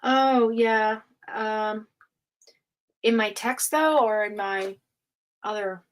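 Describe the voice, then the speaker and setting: Here the same weary tarot reader and livestream host draws out her words in a mid-range voice while reading cards aloud and talking with her viewers. A sore jaw leaves her speech a bit slurred, and the recording is rough.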